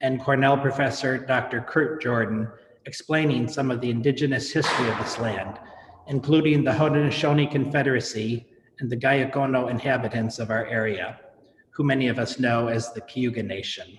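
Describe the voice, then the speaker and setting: A man's voice: mid-range voice, fairly even intonation, moderate pace. A man delivering a prepared, explanatory speech on local history as an event speaker. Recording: echoey, reverberant sound with faint background noise.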